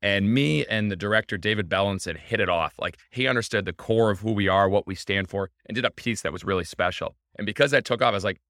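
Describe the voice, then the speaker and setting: Energetic male guest, fast and forceful, upbeat storyteller. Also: fairly low pitch, dry recording, studio quality. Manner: enthusiastic, emphatic storyteller. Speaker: guest, baseball team owner. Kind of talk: energetic interview talk.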